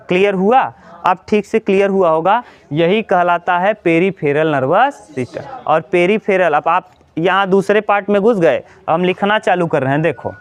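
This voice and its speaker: High, smooth-voiced man teaching a class. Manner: asks the class questions and answers them himself. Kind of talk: classroom lecture.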